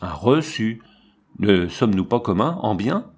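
Man reading fretful banker husband, plaintive, exasperated, low voice, storybook. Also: big pitch swings, a little slow, darkish tone, slightly rough, full character voice. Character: anxious, blustering middle-aged male banker.

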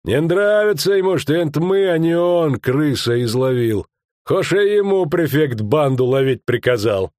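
Man voicing a mocking mercenary, coarse rural talk, raised pitch, dry close sound. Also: animated, moderate pace, darkish tone, dry recording, close to an everyday voice. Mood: scornful. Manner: mocking, coarse folksy speech.

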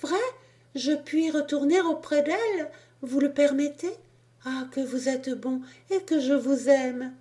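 A woman reading as a tearful little boy soul, high childish voice, pleading, slow storybook delivery. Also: fairly even intonation, dark tone.

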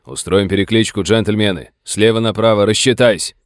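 A man voicing a gruff, commanding sheriff. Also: lowish voice, steady tone, moderate pace, dry recording, clean studio sound, close to an everyday voice. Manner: curt, commanding. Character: tough middle-aged male sheriff, gruff commander.

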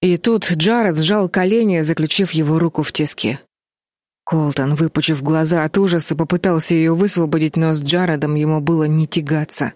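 A woman narrating an audiobook in a steady storytelling manner. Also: low-pitched, normal speed, dry recording, clean studio sound. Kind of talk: scripted narration.

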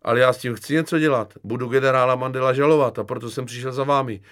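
A man's voice: medium pitch, fairly even intonation, fairly bright tone, close to an everyday voice. A man voicing a cheeky, stubborn young army private who speaks with stiff formality. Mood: insistent. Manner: earnest, mock-formal, insistent.

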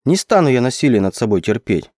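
A man's voice: very animated, brisk, mellow, dry recording, clean studio sound. Man putting on a defiant young peasant woman. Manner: raised, higher indignant voice.

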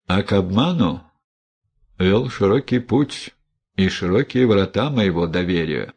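A man's voice: fairly low pitch, a little mellow, slightly rough, exaggerated voice. A man voicing a severe, reproachful older abbess who preaches and questions sharply. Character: stern older abbess of a women's convent.

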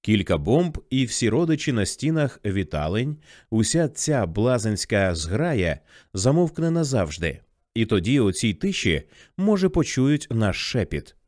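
A weary old scholar lectures with bitter regret, as a man reads him in an audiobook. The voice is low and swings widely in pitch, recorded dry and close. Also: sing-song, measured pace, a little mellow, no echo. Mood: reflective. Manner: lecturing, rueful.

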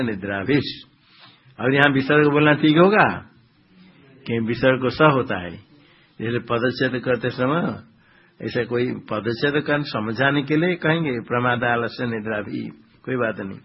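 A man, a swami, teaching the Bhagavad Gita, explaining grammar and pronunciation and quizzing his listeners before answering his own questions. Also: mid-range voice. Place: ashram hall. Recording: dull lo-fi lecture recording.

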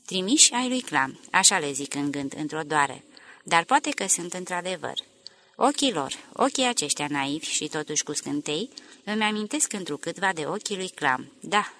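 A woman's voice: low-pitched, fairly bright tone. A woman reading the lines of an anxious, tormented young woman in an audiobook, with a pleading, emotional delivery. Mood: uneasy.

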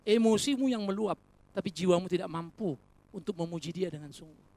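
A man preaching a sermon as pastor, animated and colloquial, with rhetorical questions, humorous asides and direct address to the congregation. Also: high voice, fairly quick.

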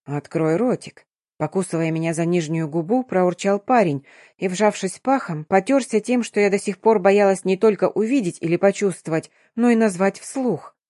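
A woman narrating a first-person audiobook in an even, measured reading. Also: mid-range voice, no room sound, clean studio sound.

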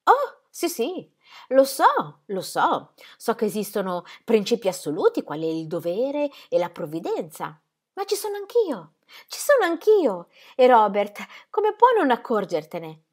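A woman's voice: on the high side, wildly swooping pitch, unhurried, voice pushed up, full character voice. A woman reading the part of an anxious young pastor's wife who pleads and repeats herself breathlessly. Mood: pleading.

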